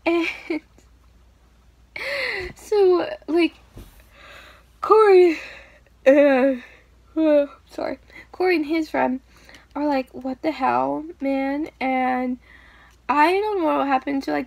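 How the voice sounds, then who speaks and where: Speaking slowly in a high, gravelly voice with long pauses and no echo, a young woman vlogger tells stories casually. Her rambling is full of fillers, and she animatedly acts out what people said, quoted screams included.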